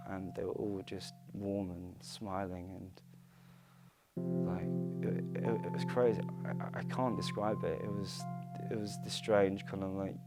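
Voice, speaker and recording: A man with a lowish, flat voice tells his story in a documentary interview. He talks haltingly, restarting and searching for words. Instrumental music plays clearly underneath. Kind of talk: documentary interview, personal account. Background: music playing softly.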